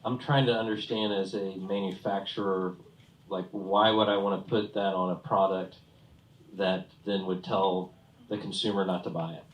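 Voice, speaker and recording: A man judging a pitch competition, asking a skeptical business question. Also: steady tone, normal speed. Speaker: competition judge. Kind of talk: judge's question. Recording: echoey hall from far off.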